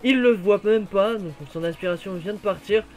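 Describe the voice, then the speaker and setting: A man giving jokey, excitable play-by-play of a racing game, his voice worn from being ill. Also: high voice, moderate pace. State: voice worn from illness. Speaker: gaming YouTuber.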